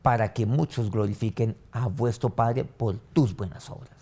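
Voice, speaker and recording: A man pastor preaching a sermon and leading a prayer, his voice swinging from loud rising lines to soft low ones. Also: moderate pace. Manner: preaching with sudden rises and soft drops.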